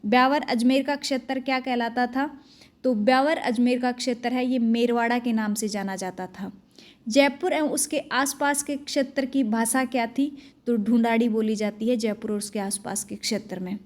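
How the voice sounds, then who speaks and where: A young woman teacher working quickly through exam questions, asking each question and then giving the answer. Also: on the high side, fairly even intonation. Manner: fast, brisk question-and-answer delivery. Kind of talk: exam-prep quiz lesson.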